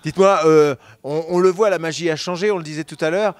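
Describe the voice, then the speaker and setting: A man with a high voice hosts an event interview for local broadcast. He is chatty and keeps prompting with follow-up questions. The sound is close and dry. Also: quick pace, dry recording.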